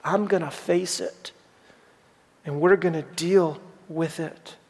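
A man's voice: a little high, steady tone, takes it slowly. A middle-aged man preaching a sermon as pastor, earnest and repeating phrases for emphasis. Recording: long hall reverb.

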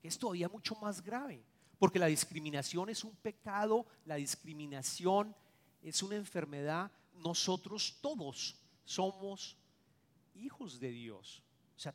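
Earnest pastor with a rather high voice. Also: male voice, in a large hall. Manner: earnest and confessional, swinging from loud stresses to near-murmured asides. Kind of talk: sermon.

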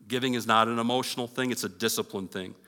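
A man's voice: medium pitch, fairly even intonation, fast, bright, forceful tone, big-room sound. A male pastor preaching a conversational sermon in a church and leading an earnest prayer. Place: church sanctuary.

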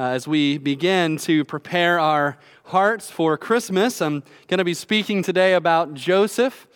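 A man's voice: fairly high pitch, fairly bright tone, smooth. A man preaching a sermon as pastor from a church stage at a pulpit microphone, in a chatty, conversational way with filler words.

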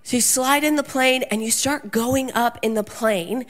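A woman preaching a sermon, telling a personal story in an animated way and acting out the quotes. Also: fairly high pitch, normal speed.

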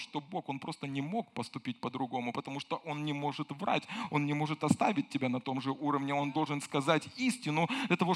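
A male pastor preaching a sermon with fervor. He repeats phrases for emphasis and swings from hushed tones to loud cries. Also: on the high side.

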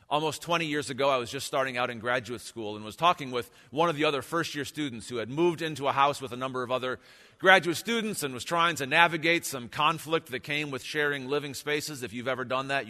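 Male pastor at a pulpit microphone, reflective conversational sermon, bright tone, reverberant church. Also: medium pitch. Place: church sanctuary. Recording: long church hall reverb.

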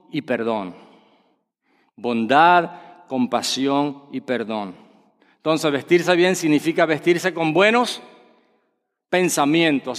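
A man preaching a sermon, projecting his voice and asking the congregation rhetorical questions. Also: fairly high pitch. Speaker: pastor. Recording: long reverb of a church hall.

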